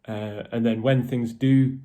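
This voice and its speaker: A man talks to his band's fans in a casual video update. His tone is mellow and warm, neither high nor low. He rambles along, with plenty of ums and false starts. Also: steady tone, unhurried. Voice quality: posh-sounding voice. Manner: rambling, with many ums and restarts. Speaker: metal band member.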